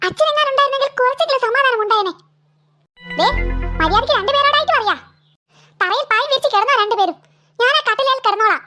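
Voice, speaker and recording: A woman's voice: very high voice, expressive, fast talker, pauses often, bright, forceful tone, soft background music, exaggerated voice. A woman voicing a weary cartoon mother who keeps scolding her two quarreling daughters, in a nagging, exasperated way. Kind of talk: cartoon voice acting.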